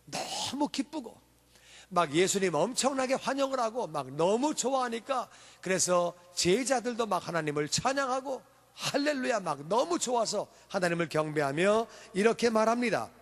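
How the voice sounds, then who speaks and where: A man's voice: high voice, animated, moderate pace. A male pastor preaching a sermon, telling the story with emphatic rhetorical questions. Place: church sanctuary. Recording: long church hall reverb.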